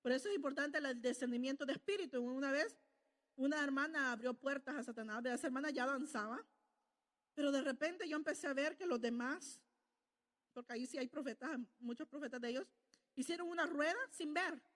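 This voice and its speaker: High-voiced woman preaching in a reverberant hall. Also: a little fast. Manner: storytelling, asks the congregation questions and answers them. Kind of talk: sermon.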